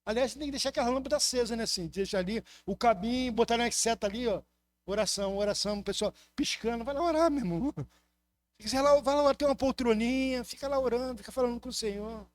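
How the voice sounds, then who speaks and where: A man with a Brazilian Portuguese accent preaching a sermon as pastor, impassioned, moving between loud emphasis and soft asides. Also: very high voice, quick pace, dry recording.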